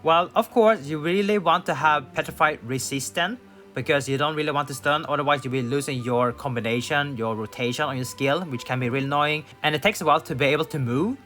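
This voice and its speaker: Gaming commentator, male, higher voice, casual and thinking aloud, faint music bed. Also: a little fast, sharp tone. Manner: thinks aloud with fillers and restarts. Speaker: gaming YouTuber. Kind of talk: casual tier list commentary.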